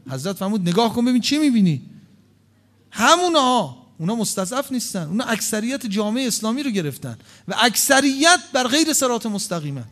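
A man with a notably high voice delivers a religious sermon. He argues hard, fires rhetorical questions and swings from loud outbursts to hushed asides. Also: very animated. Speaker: preacher.

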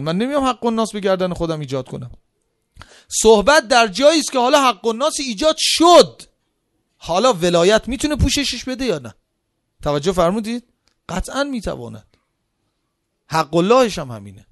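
Male preacher with a high voice, pressing his point with rhetorical questions and sudden low, soft asides. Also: dry recording, clean studio sound. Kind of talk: sermon.

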